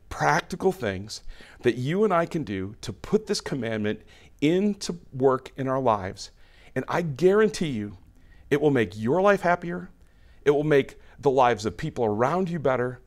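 A man preaching a sermon in a conversational way, often restarting his sentences and acting out little everyday scenes in quick voiced asides. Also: mid-range voice. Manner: frequent restarts and repeated words. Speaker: pastor.

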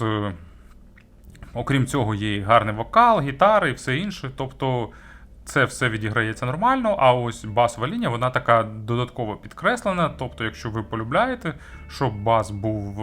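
Background music accompanies a man's chatty audio gear review delivered in a medium-pitched, animated, slightly bright voice. His speech features hesitant pauses, elongated words, and sudden emphasis on important phrases.

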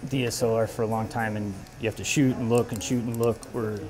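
A man in his thirties, a barber and shop owner, talking casually while he works, relaxed and rambling with many fillers, moving around the room away from the camera mic. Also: medium pitch, brisk, over music. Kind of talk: casual talk while working. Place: barbershop with brick walls, indoors.

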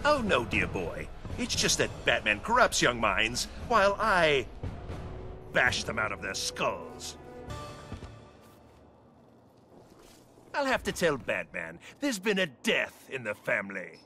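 An actor playing a gleefully menacing, theatrical clown supervillain in a video game, mocking and prone to bursting into shouts. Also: male voice, medium pitch, wildly swooping pitch, a little slow, soft background music, heavily acted. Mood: taunting. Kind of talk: video game cutscene acting.

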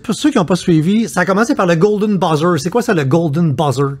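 A man's voice: high voice, a little fast, darkish tone. A man with a Québécois French accent hosting a podcast, playful and joking, often stumbling and repeating words as he asks questions. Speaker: podcast host. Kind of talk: casual conversation.

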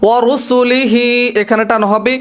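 Man teaching recitation w bangladeshi bengali accent, really high clear voice, chants phrase by phrase and slow. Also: fairly even intonation. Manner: chants phrases slowly, then explains pronunciation quickly. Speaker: religious teacher. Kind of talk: slow recitation lesson with pronunciation notes.

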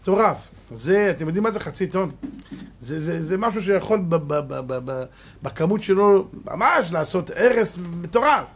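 Middle-aged rabbi, high voice, lively sermon delivery, swings from shouts to near-whispers, lots of rhetorical questions. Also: male voice, breathy edge. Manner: animated, rhetorical questions, swings from loud exclamations to hushed tones. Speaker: rabbi giving a Torah lesson.

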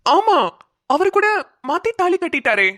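A poor, humble young man in a homemade cartoon, voiced by a woman. He speaks politely and deferentially, in a voice pitched a little high. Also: fairly quick, a bit bright, natural voice. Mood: surprised.

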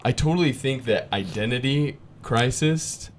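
A man in his twenties co-hosting a podcast, casual and upbeat, reading verses aloud between quick asides. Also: mid-range voice, slight background noise. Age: 20s. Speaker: podcast co-host. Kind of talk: podcast conversation with scripture reading.

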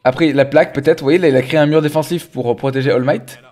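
A young man casually commenting on someone's gameplay, animated and teasing, with frequent exclamations. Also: a little high, fast talker.

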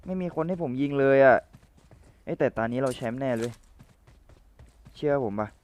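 A young man casually commentating his own game match, playful and chatty with viewers and teammates, his voice a little rough from the cold. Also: medium pitch, expressive, normal speed, a little mellow, no room sound.

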